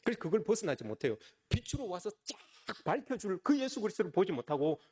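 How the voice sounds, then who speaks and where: Male pastor, sermon delivery, quick and lively, slightly high voice, keeps turning to the congregation with questions. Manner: often addresses the congregation directly with rhetorical questions. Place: church service.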